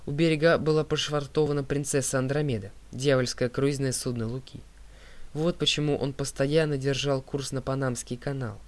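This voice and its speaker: A man reading an audiobook as narrator, in a steady, clear voice that drops low on speaker tags. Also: moderate pace. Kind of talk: scripted narration.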